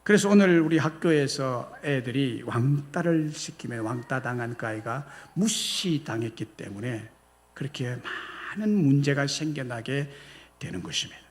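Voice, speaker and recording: Animated preaching man. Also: medium pitch. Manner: animated, with slow drawn-out emphasis. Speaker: pastor. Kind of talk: sermon.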